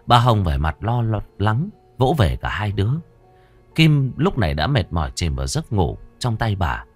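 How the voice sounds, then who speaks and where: A man narrating a ghost story with a dramatic, expressive reading. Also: fairly low pitch, normal speed, faint music behind.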